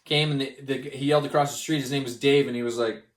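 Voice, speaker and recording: Man, from Canada, gospel lesson storyteller, animated, acts out characters, middle pitch, echoey room. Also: fast. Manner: animated, acts out the people in his stories. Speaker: gospel study presenter.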